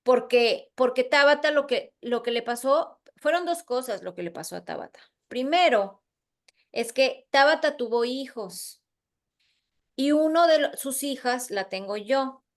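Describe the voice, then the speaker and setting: High-voiced woman telling a story. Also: measured pace. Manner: animated, acts out the dialogue. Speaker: course instructor. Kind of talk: lively storytelling in a class.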